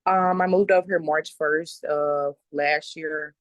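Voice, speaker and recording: Soft-spoken woman, slow and plain. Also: low-pitched, steady tone, no room sound. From South Dallas, Texas. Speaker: interviewee, mother. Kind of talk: personal interview.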